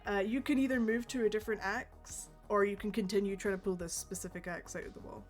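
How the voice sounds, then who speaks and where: A woman's voice: medium pitch, steady tone, fast. Casual woman game master narrating a tabletop game, faint music behind. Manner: casual and easygoing, with many fillers.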